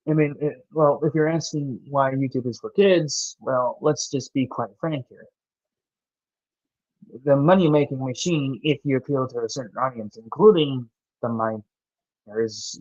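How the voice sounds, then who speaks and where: Recorded dry on a dull home mic, a young man from the American South speaks at medium pitch on his live stream. He goes through viewers' chat, reading and responding in a rambling way full of restarts.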